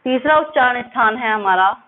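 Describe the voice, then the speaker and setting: Woman teacher, higher voice, slow sound drills, asks and answers her own questions; tinny audio. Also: expressive. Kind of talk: classroom lesson.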